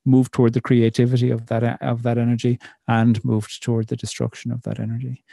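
An Irish poet, appearing as an interview guest, speaks in a gravelly, flat, medium-pitched voice during a reflective, conversational interview. He is thoughtful and measured, pausing often and using plenty of fillers. The recording is dry and studio quality.

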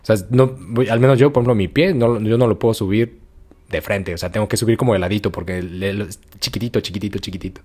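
A young man with a Mexican Spanish accent, telling a story in a slangy, animated, casual podcast chat. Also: on the low side, fast. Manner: slangy, animated, acts out quotes. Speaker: podcast host.

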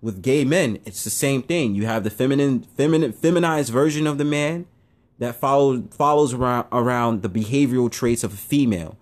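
A man's voice: medium pitch, fairly quick. A young man hosting his own show, giving a casual, blunt opinion monologue that rambles and circles back on itself. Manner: rambling, blunt, repeats himself. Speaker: show host.

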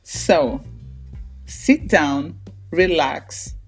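A woman's voice: low-pitched, animated, extremely slow, slightly rough, faint music behind. A woman hosting a podcast interview, upbeat and welcoming as she introduces and questions her guest. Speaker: podcast host.

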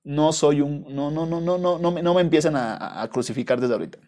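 A young adult man with a Mexican accent hosts a podcast, telling stories in a rambling, slangy, profane casual monologue. His voice is fairly high-pitched and darkish in tone, and he talks fairly quickly.

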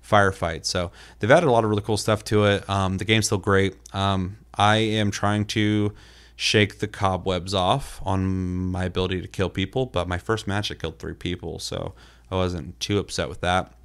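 Deep-voiced man rambling about games. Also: fairly even intonation, moderate pace, fairly bright tone, clean tone. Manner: rambling, filler-heavy storytelling with casual swearing. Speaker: podcast co-host. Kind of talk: casual gaming podcast chat.

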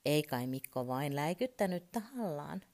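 A woman reading a children's bedtime story aloud, expressive and often dropping into a whisper. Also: low voice.

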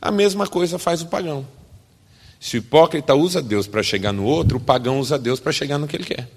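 A man's voice: a little high, expressive, quick pace, husky, big-room sound. A man preaching a sermon, building points with rhetorical questions and dry, joking asides. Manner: rhetorical questions, rising emphatic delivery, wry asides.

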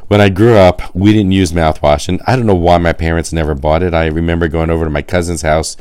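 A middle-aged man reads a scripted devotional as host of a program. His voice sits low and carries the hoarse rasp of laryngitis, like a smoker's. He speaks straight to the listener in measured storytelling, in a dry recording with no room sound. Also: steady tone, darkish tone, no room sound.

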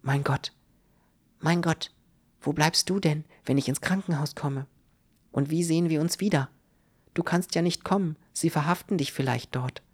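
A man voicing a frightened, feverish young woman in a spoken audiobook, softly and breathily, close to a whisper. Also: medium pitch, moderate pace, lightly acted. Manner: soft, breathy, near whispering. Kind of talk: audiobook reading.

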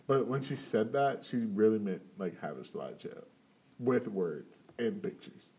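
A man's voice: fairly low pitch, expressive, a little slow, dark tone. Young man, casual chat, slangy, jumps into the story. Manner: slangy, chimes in and adds to a friend's story.

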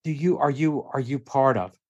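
A man hosting a podcast, chatting in a relaxed, friendly way with plenty of "you know"s. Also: mid-range voice, moderate pace, lo-fi sound. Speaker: podcast host. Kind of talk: casual podcast chat.

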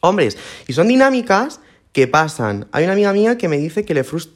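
A man's voice: sits high, very animated, a little fast. A young man with a Spanish accent from Spain doing a campy, theatrical comedy monologue as a podcast host, swearing freely and rambling through asides.

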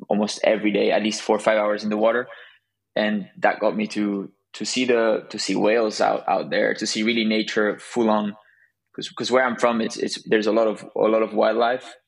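A young man from Belgium, a guest in a podcast interview, talking in a relaxed way with frequent restarts and laughs. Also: on the low side, vocal fry, rough recording. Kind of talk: conversational interview.

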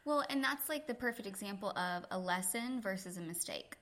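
A woman's voice: medium pitch, expressive, fairly quick, a bit bright. A woman yoga instructor, a podcast guest, telling earnest and reflective stories about faith and teaching, laughing easily. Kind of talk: faith-centered conversational storytelling.

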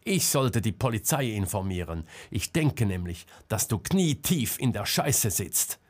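A man's voice: on the low side, expressive, unhurried, breathy edge, heavily acted. A man voicing a determined female reporter who confronts people bluntly and insistently, in an audiobook. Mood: confronting.

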